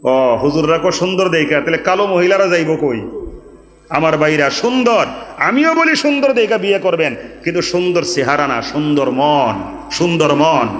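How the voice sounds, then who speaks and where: A man from Bangladesh preaching to a large gathering in a raised, fairly high voice. He chants his quotations in a sing-song, climbs to ringing calls, then drops into low asides. The sound rings out with a long reverb. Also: expressive, normal speed, fairly bright tone. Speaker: Islamic preacher. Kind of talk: sermon at an open religious gathering.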